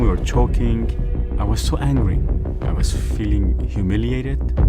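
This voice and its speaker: Low-voiced man. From Iran. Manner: earnest, measured storytelling. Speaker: evangelist. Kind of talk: personal faith testimony. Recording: music playing underneath. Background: background music.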